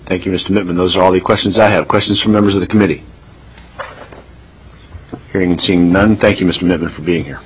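A man's voice: sits low, fairly even intonation, quick pace, long pauses, slight background noise, rough recording. A man chairing a legislative committee hearing, speaking plainly with frequent ums.

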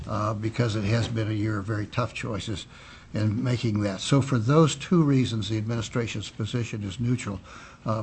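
Halting, low-voiced man giving official testimony. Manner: measured politician-like official delivery, halting with frequent pauses. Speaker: physician and state health official testifying. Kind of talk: formal legislative testimony. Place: indoor legislative committee room. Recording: noisy public hearing room audio.

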